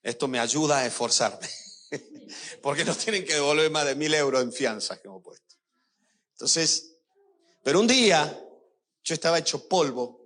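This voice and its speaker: An older man preaches as a pastor in a fairly high, slightly bright voice, at a moderate pace with frequent pauses and lively intonation. He tells personal stories with feeling and speaks directly to the congregation.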